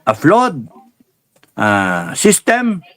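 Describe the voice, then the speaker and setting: A man's voice: a little high, wildly swooping pitch, very slow, fairly bright tone. A man with a Filipino accent giving casual political commentary, rambling and mixing Tagalog with English, with chuckles between his points.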